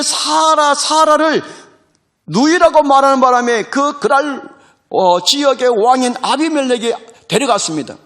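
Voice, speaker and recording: A man preaching a sermon as pastor, animated, asking rhetorical questions and acting out the voices he quotes. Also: extremely high pitch. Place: recorded for a military online worship service.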